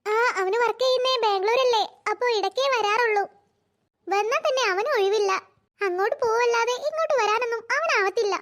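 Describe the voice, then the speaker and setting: A woman's voice: very high voice, brisk, a bit bright. A woman voicing a busy, scolding mother of three in a cartoon. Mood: chatty. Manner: scolding, bustling. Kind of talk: cartoon voice acting.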